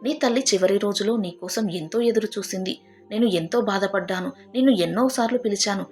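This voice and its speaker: A stern, grieving elderly father, bitter and reproachful toward his son, read by a woman narrator. His voice sits at a middle pitch. Soft music plays faintly behind him in this audio storybook. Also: brisk, close to an everyday voice.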